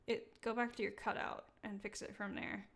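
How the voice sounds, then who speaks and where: A woman hosting a live-streamed software tutorial, talking casually with many fillers and laughing at her own slips. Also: medium pitch, little pitch movement, normal speed. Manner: casual, chatty, many ums, laughs at herself. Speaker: software demo host. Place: indoor room.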